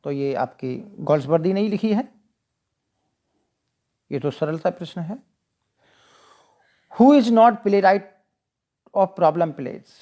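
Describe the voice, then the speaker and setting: A teacher with an Indian accent explaining exam questions. The teacher reads each English question slowly, asks it back to the listener and then answers it. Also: mid-range voice, animated, dark tone. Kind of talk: explaining multiple-choice questions.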